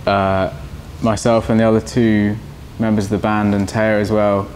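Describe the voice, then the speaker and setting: A young man, a band guitarist, giving halting interview answers with many restarts. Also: fairly low pitch, flat delivery, a little mellow. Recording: faint background noise.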